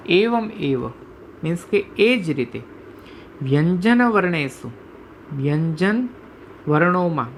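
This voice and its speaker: A man teaching a class, explaining sounds slowly, reciting letters one by one and often asking if students follow. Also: high voice, lively intonation, a little hiss or hum. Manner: repeatedly checks understanding with "right?". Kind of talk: classroom lecture explaining Sanskrit phonetics.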